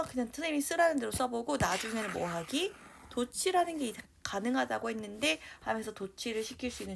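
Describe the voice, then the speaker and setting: A woman teaching a high school English grammar lesson. She talks lively, keeps checking in with her students, and reads English sentences out slowly as she writes them. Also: vocal fry, slight background noise. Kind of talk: online grammar lecture.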